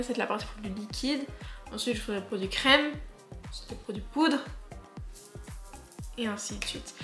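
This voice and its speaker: A woman's voice: a little high, fairly bright tone. A young woman, chatting through a casual makeup tutorial with joking asides and lots of fillers. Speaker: beauty vlogger. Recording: echoey room with faint music.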